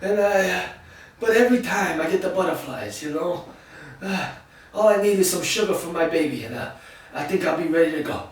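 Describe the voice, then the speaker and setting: Casting: man as a whiny, fretful old dad; high voice, distant roomy mic. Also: animated, a little fast. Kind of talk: improvised sitcom acting.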